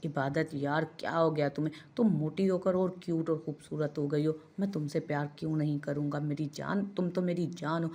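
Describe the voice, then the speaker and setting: Woman narrator doing a doting young husband, low and coaxing, for an audio novel. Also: steady tone, a little fast, few pauses, mellow, husky. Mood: soothing. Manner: coaxing, pleading.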